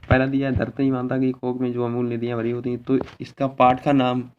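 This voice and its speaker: Male tutor, mid-pitched, methodical exam walkthrough that restates every answer; slightly dull lo-fi recording with faint hiss. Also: monotone, a little fast, a little mellow. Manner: explains step by step, repeats each answer and ends with a check word. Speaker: teacher.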